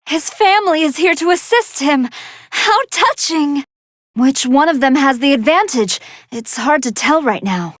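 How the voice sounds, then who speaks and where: A woman voicing a polite, soft-hearted female android scientist who gives formal, earnest and expressive commentary on fights in a video game. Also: high-pitched, a little slow, dry recording, studio quality. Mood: composed, curious. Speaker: match commentator.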